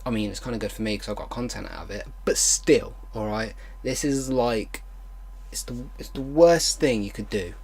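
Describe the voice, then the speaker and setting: A man with a fairly low, darkish voice and a breathy edge stumbles through a fan fiction reading on his online video. His remarks between lines are exasperated and disbelieving.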